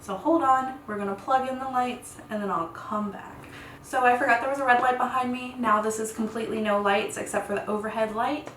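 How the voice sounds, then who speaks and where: A woman in her thirties giving a casual, rambling tutorial at home, chatty and quick to laugh. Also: on the high side, steady tone, a bit bright. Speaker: content creator teaching lighting. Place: home room set. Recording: echoey room, distant mic, faint hiss.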